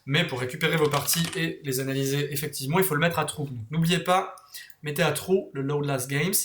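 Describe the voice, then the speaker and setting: A man explains software steps in a loose, conversational tutorial, backtracking when he misspeaks. His voice sits a little high for a man. The recording carries a noticeable roomy echo. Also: fairly even intonation, brisk. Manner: casual, talks while clicking, self-correcting. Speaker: tutorial host.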